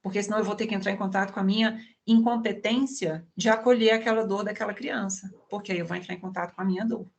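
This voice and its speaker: A woman's voice: medium pitch, fairly even intonation, fast, gravelly, hardly any pauses. A woman psychologist in an online conversation, explaining with everyday examples and frequent tag questions over a video call.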